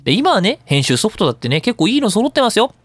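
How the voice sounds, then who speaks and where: Here the voice sits high, swings widely in pitch and moves fast, with background noise behind it. It belongs to a male radio host and audio engineer giving a colloquial, opinionated talk radio monologue explaining sound editing.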